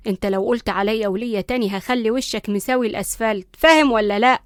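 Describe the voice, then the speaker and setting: A woman's voice: a little high, fast, no echo, clean studio sound, lightly acted. A woman voicing a fierce, bossy old grandmother with an Egyptian accent, scolding and threatening with sarcasm.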